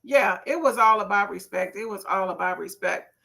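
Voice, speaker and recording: A middle-aged woman hosting a casual live stream, telling animated stories and reading viewers' comments aloud with folksy asides. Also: medium pitch, moderate pace, gravelly. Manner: animated storyteller, laughs often, folksy asides. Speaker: livestream host.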